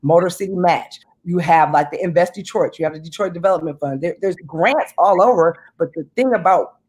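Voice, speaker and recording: A woman in her thirties on a video call from home, talking in an animated, emphatic way about money and business. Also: fairly low pitch, a little fast, breathy edge. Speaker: guest, business owner. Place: home room indoors. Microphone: video call webcam.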